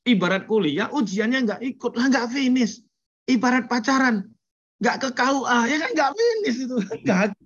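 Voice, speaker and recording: A man lecturing students in a motivational talk, telling stories in an animated way. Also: very high-pitched, moderate pace, dull audio. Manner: animated storyteller, acts out quoted voices. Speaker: university lecturer.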